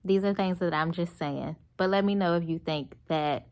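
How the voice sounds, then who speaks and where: Animated American woman on a casual rant. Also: on the low side, normal speed. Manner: animated, emphatic, acts out dialogue. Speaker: vlogger addressing viewers.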